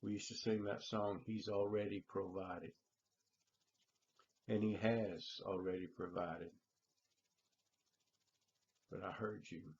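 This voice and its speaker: A middle-aged man, preaching a sermon in a slow storytelling manner and repeating his phrases. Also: deep voice, steady tone, darkish tone, a little hiss or hum. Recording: dull lo-fi recording.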